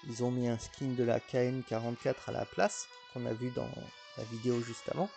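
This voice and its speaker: Male gaming YouTuber, casual chatty commentary, mid pitch, a bit of vocal fry, stop-start delivery. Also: level tone, a little fast, warm tone, faint music behind. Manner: chatty, rambling, with frequent hesitations and restarts.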